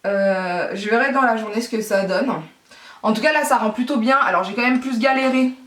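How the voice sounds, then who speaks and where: A woman from France, a beauty vlogger at home, chatting casually to her viewers, flustered and excitable, swearing and talking through each step. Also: on the high side, a little fast, far from the mic. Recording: echoey room, speaking away from the mic.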